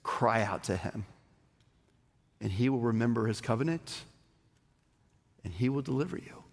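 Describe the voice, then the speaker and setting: A man preaches in a church sanctuary, his gravelly voice trailing off into a long hall reverb. He takes his time, leaning on single words and leaving dramatic pauses between them. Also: medium pitch, lively intonation. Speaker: pastor. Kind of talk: sermon.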